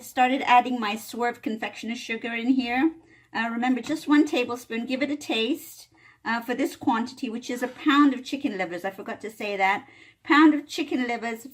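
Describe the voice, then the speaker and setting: A woman hosting a home cooking video, explaining a recipe in a casual, chatty way and often checking in with "all right?". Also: a little high. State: coughing a little from chili fumes. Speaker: cooking channel host. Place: home kitchen.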